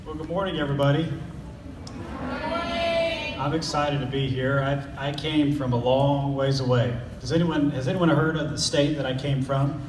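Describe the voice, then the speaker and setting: A middle-aged school head who grew up in Italy and Germany gives a chatty chapel talk to students in a steady, medium-pitched voice at normal speed, joking and asking the kids questions. He speaks into a handheld microphone, and his voice rings through a large, echoey hall with a long reverb tail over a faint hiss.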